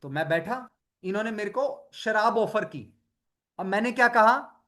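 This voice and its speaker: A man coaching an online webinar group in an energetic way, calling on participants by name and asking rhetorical questions. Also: sits high, unhurried. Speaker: motivational coach leading a webinar. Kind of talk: lively Hindi webinar talk to online participants.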